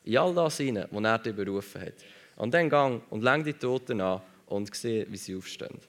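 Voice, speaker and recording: A man's voice: fairly low pitch, expressive, moderate pace. A man preaching a sermon emphatically, repeating phrases for stress.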